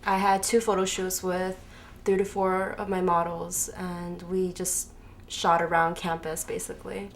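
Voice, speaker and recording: A young adult woman from Taiwan, a student fashion designer, answers interview questions and explains her work. Her lowish voice shows little pitch movement and she speaks unhurriedly. The room is noisy, with clear background noise.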